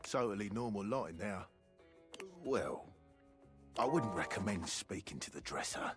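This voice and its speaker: Actor as a stiff robotic butler, very deep, mechanical politeness, faint music behind. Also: male voice, lively intonation, moderate pace, close to an everyday voice. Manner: formal, mechanical and overly polite. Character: stiff, robotic male butler with a forced laugh.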